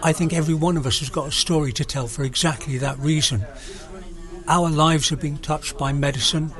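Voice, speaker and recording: A Welsh-accented man in his sixties from South Wales chats earnestly as a guest in a casual hospital radio interview. His voice is fairly high and a bit bright, steady and a little fast. Crowd chatter fills the busy room at a radio party where it's recorded.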